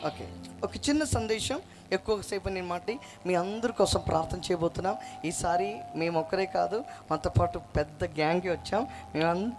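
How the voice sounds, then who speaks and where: A man from Karnataka preaching a sermon, urging the congregation to repeat after him and answer loudly. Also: high voice, music in the background. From Karnataka, India. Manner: urges the crowd to answer loudly, repeats verses slowly. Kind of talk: sermon with call-and-response. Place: church gathering with a congregation.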